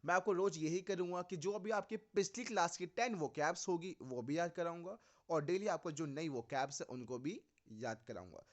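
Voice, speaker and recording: Young male tutor, Indian English accent, slightly high pitch, lively mnemonic-driven exam vocabulary lesson. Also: moderate pace. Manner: explains with memory tricks, mixing Hindi and English; asks the viewers questions and answers them himself.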